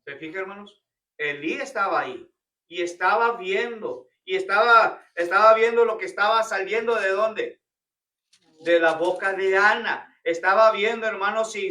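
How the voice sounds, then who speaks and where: A man leads a Bible study in a church, constantly putting questions to the room and addressing everyone as brothers. His voice is very high and bright. It comes across from some way off, with a roomy echo. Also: normal speed. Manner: questioning the congregation often, repeating "hermanos". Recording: roomy church hall, picked up from a distance.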